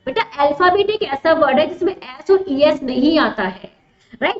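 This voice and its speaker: A woman's voice: high voice, animated, moderate pace, crowd noise. A woman teaching English grammar in an online exam-prep lesson, explaining step by step, mixing Hindi with English terms and asking her students questions. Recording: roomy, dull lo-fi sound.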